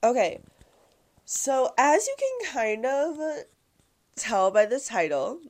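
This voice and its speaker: A woman's voice: on the high side, wildly swooping pitch, slow, darkish tone. A young woman in her twenties hosting a casual solo podcast, congested and a bit nasal, chatty and peppered with "like.". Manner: chatty, heavy use of "like", swearing. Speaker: podcast host.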